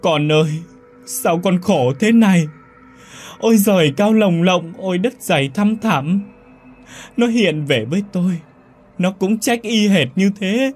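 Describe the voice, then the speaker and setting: A man voicing a frantic grieving wife, wailing and lamenting in drawn-out pleas. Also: mid-range voice, lively intonation, breathy edge, soft background music. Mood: wailing grief.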